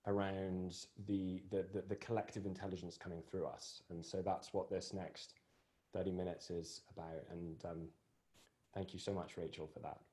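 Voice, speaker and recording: A man facilitating an online group session, encouraging, with halting restarts. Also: deep voice, dark tone.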